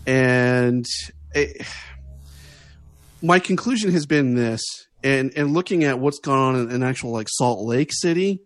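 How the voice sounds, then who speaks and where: A man in his thirties from the United States, a guest giving his opinions in casual podcast chat, earnest and halting with fillers. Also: medium pitch, no echo. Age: 30s.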